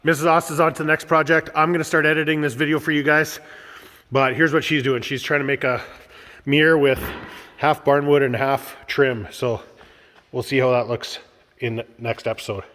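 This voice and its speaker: A man's voice: a little high, steady tone, moderate pace, a bit bright. Male vlogger, congested and cheerful, recorded in a roomy space with a long echo. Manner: upbeat and chatty, laughs often. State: stuffed-up nose. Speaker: vlog host. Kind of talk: casual build vlog narration. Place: workshop house under renovation, indoors.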